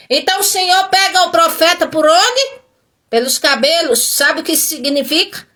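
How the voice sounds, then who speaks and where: A woman's voice: very high voice, bright, forceful tone. A woman pastor preaching a sermon, emphatic and full of rhetorical questions.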